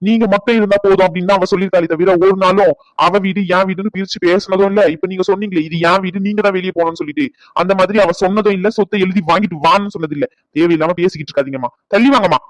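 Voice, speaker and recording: A man voicing an exasperated grown son in an animated family drama, arguing back indignantly. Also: high voice, rapid-fire, no echo, natural voice, rough recording. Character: exasperated grown son defending his wife. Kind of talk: cartoon family-drama voice acting.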